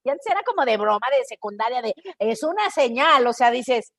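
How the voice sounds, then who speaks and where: A Mexican woman hosting a podcast, telling a personal story in a casual, expressive monologue and acting out the voices in her head. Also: a little high, fast talker, no echo, studio quality. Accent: Mexican Spanish. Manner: expressive, animated storytelling with quoted inner voices. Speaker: podcast host.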